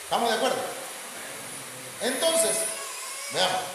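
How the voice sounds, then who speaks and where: A Mexican pastor, a man with a fairly high voice, preaches to his flock, filling pauses with "eh" and punctuating points with amen. His voice rings through a hall with long, heavy reverb, over a faint background hum. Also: big pitch swings. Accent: Mexican Spanish. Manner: addresses congregation as hermanos, frequent amén and fillers. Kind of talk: sermon. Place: church hall.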